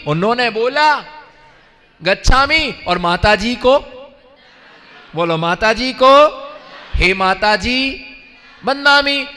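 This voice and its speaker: Bright high-pitched man preaching in a hall. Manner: call-and-response, urging the audience to repeat loudly; acts out dialogue in a storytelling way. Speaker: Jain monk giving a discourse. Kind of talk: sermon. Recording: reverberant hall.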